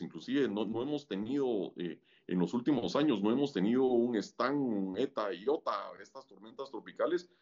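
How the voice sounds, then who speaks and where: A man's voice: medium pitch, muffled recording. A man, a guest in a podcast interview, explaining at length with frequent restarts and fillers. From Guatemala. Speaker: guest, business leader.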